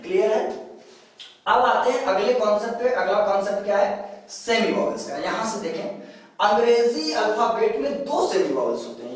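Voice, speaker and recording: A man from India with a Hindi accent from Uttar Pradesh, teaching an English grammar lesson in a coaching class. He asks the students questions and answers them himself, and reads the English lines out very slowly. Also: high-pitched. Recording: very echoey room, far from mic.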